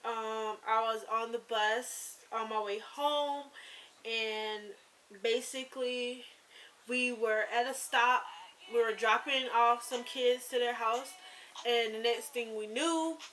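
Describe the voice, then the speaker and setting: A young woman vlogging, telling a scary story in a rambling, animated way with lots of fillers. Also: fairly high pitch, slight background noise, low-quality recording. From rural US South. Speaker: YouTuber. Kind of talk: casual storytelling vlog.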